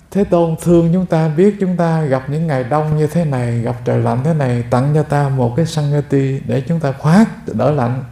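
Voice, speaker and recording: A man's voice: fairly high pitch, mellow, reverberant. A Buddhist monk giving a sermon, telling stories and speaking straight to his listeners. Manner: addresses listeners directly, storytelling. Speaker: monk giving a Dharma talk.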